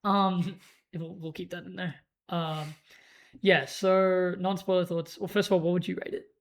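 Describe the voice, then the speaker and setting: A man's voice: sits high, steady tone, normal speed, creaky. A man co-hosting a casual film review chat, rambling with lots of fillers. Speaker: podcast co-host.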